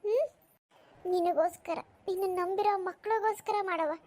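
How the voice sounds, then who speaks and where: A woman's voice: extremely high pitch, moderate pace, a little mellow. A woman voicing a kindly, lonely old village grandmother in a cartoon, talking in a rustic, motherly, consoling way. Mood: tender. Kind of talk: cartoon voice acting.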